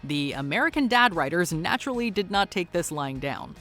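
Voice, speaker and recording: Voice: medium pitch, expressive, brisk, sharp tone, faint music behind. A narrator reading a scripted countdown voice-over with wry commentary.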